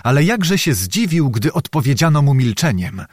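Expressive male audiobook narrator. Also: medium pitch, normal speed, breathy edge, no echo, studio quality. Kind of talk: scripted narration.

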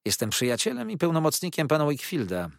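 A man voicing a calm, steady male lawyer in a storybook reading, speaking firmly with a husky voice. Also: mid-range voice, moderate pace, dry recording, studio quality, pitched above the performer's own voice. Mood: composed.

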